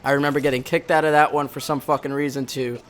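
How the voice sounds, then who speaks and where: A fast-talking young Bronx native and ex-Marine tells a rambling, swear-filled story in casual chat during gameplay, correcting himself mid-sentence often. His medium-pitched delivery is flat.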